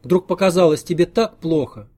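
A man's voice: a little high, moderate pace, warm tone, slightly rough, pitched above the performer's own voice. A man reading an audiobook, voicing an anxious, devoted middle-aged wife in a raised, pleading voice. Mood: fretful.

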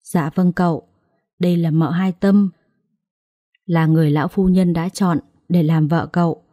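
A woman's voice: fairly low pitch, fairly even intonation, moderate pace, mellow, no room sound, studio quality, lightly acted. A woman voicing a strict old household nanny in a storybook reading. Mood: dutiful. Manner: stern, proper.

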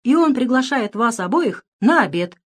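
A woman reading a storybook, voicing a big, brash male outlaw who mocks and threatens loudly. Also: a little high, animated, moderate pace, voice pushed up. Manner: sneering, loud.

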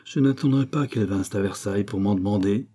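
A man's voice: lowish voice, fast, dark tone, breathy edge. A man voicing a weary, resigned king. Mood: troubled. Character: weary, resigned middle-aged male king.

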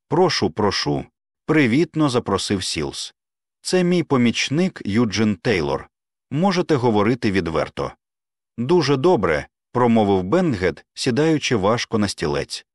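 A man's voice: medium pitch, moderate pace, no echo, clean studio sound. A man reading a story aloud as an audiobook narrator, voicing every character himself. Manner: reads every character in his own voice, lively intonation. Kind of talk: scripted narration.

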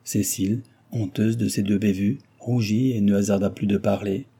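A man reading a literary audiobook as narrator, in a measured, even storytelling manner. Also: on the low side, husky.

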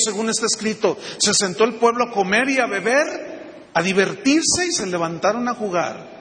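A pastor preaching a sermon to his congregation, animated and full of rhetorical questions. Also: sits high. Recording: long reverb of a large hall.

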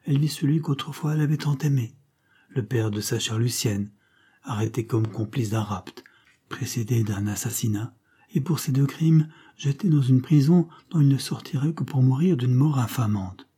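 A man's voice: mid-range voice, moderate pace, dark tone, breathy edge. A man narrating an audiobook as a dramatic scripted reading.

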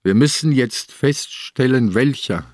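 An actor playing a calm, shrewd aging police inspector in a radio play, reasoning aloud in a measured way. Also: male voice, mid-range voice, no echo, studio quality, close to an everyday voice. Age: older.

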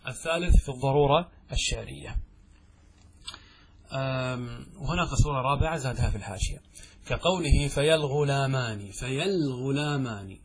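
A man teaching Arabic grammar as a sheikh in a classroom lecture. He asks the class questions, answers them himself, and slows down to chant verses and examples. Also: fairly high pitch, slightly rough.

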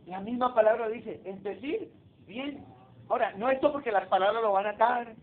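This pastor preaches conversationally, often posing questions to his listeners, in a high male voice at a moderate pace. The audio is tinny and phone-like, with faint noise.

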